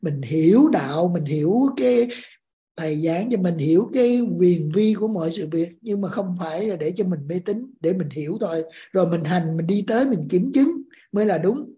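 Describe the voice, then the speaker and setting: A woman calmly explaining spiritual practice. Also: lowish voice, moderate pace. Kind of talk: religious discussion.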